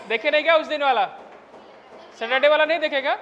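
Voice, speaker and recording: A man's voice: extremely high pitch, fairly quick, fairly bright tone, slight background noise. A male physics teacher running a rowdy class, scolding and teasing his students in crude slang between dictated questions. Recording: lo-fi classroom recording in a reverberant room.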